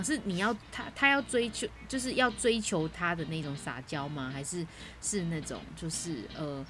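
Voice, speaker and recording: A woman co-hosting a podcast in casual chat, telling stories with emphatic, animated delivery. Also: sits low. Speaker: podcast co-host. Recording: music playing underneath.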